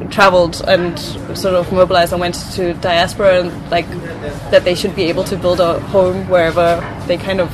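A woman's voice: on the low side, noisy background. A woman from Brazil in a casual chat, speaking hesitantly with many fillers and restarts.

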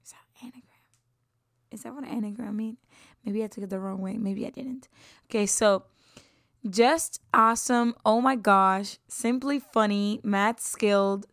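In a casual self-introduction, a twenty-something podcast host from Puerto Rico chats about herself in a steady, mid-range, fairly bright voice at a moderate pace. The studio-quality recording has no echo. She's cheerful, laughs often, and occasionally slips into a whisper.

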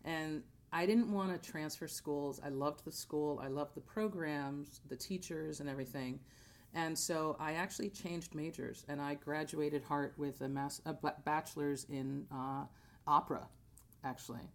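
Speaking at a moderate pace in a voice that sits low, with fairly even intonation, an American theater singer tells her story as a casual podcast guest, acting out lines of dialogue. She was born in Jamaica and grew up in New Jersey.

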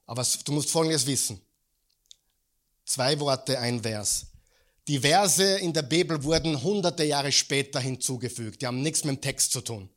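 A man preaching a sermon as pastor in a church, asking the congregation questions and swinging from loud peaks to quiet low lines. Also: moderate pace.

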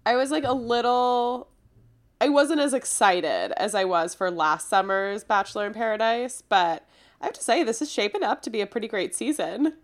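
A woman's voice: on the high side, normal speed. Nasal, congested woman chatting casually. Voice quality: nasal, stuffed-up from a cold. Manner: informal, hedging, slangy. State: congested with a cold. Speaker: podcast co-host. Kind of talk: casual pop culture chat.

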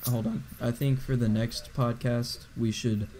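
A man's voice: mid-range voice, steady tone, unhurried, dark tone. Give me a young man chatting loosely on a podcast call, hedging as he goes. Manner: rambling, hedging, laughs often. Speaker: podcast co-host. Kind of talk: casual chat.

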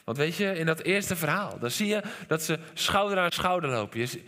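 Dutch pastor preaching, bright voice, big echoey church hall, goes quiet then loud. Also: male voice, fairly high pitch, normal speed. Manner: animated preaching, soft drops to quiet lines, sudden shouts. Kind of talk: sermon. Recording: long reverb of a church hall.

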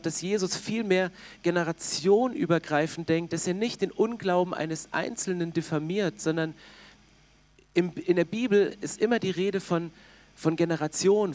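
A man preaching a sermon to his congregation, earnest, reading Bible passages and often restarting his phrases. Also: sits high. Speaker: pastor. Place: church hall with congregation.

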